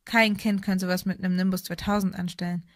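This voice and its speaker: A woman voicing a big, gruff, kindly male gamekeeper who mutters worriedly, in an audiobook reading. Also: lowish voice, little pitch movement, fast, dry recording, clean studio sound, lightly acted.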